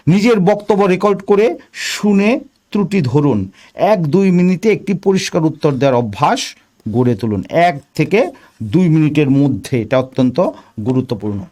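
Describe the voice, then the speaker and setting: Male exam coach, fairly high and very animated, drills points with repetition, direct teaching manner. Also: normal speed. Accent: Bangladeshi Bengali. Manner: repetitive, emphatic, addresses the listener directly. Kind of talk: spoken lesson on viva preparation.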